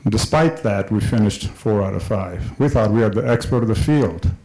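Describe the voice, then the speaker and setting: A middle-aged Kenyan man's darkish, lowish voice moves with lively intonation at a normal speed as he forcefully repeats his main points in a passionate speech. It's a public session in a large indoor hall with a screen, he holds a handheld microphone, and the recording is low quality.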